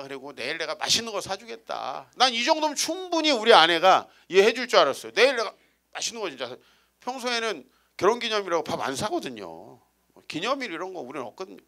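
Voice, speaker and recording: Animated, bright-voiced pastor in his forties. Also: on the high side. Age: 40s. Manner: animated, teasing the congregation with rhetorical questions. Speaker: guest pastor. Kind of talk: humorous storytelling sermon. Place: church sanctuary.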